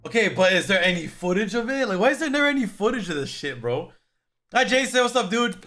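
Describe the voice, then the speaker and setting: A man's voice: sits high, big pitch swings, fast, sharp tone. A man streaming casual, slangy, exclamatory reactions to a video as he watches.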